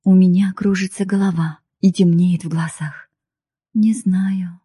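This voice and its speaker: A woman's voice: lowish voice, steady tone, moderate pace, warm tone, breathy edge, dry recording, studio quality. A woman reading an emotional first-person audiobook narration in a heartfelt, pleading way. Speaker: audiobook reader.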